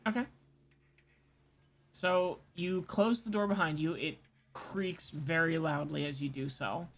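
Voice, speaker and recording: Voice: mid-range voice, measured pace, fairly bright tone. A game master describing scenes for a tabletop roleplaying game in an informal, conversational way.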